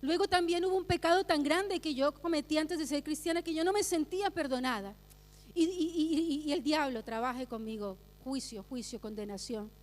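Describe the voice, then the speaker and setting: A woman pastor with a high voice preaches a Sunday sermon, mixing personal stories with teaching. She repeats key phrases for emphasis. Her voice carries a long reverb from the church hall. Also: moderate pace. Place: church sanctuary.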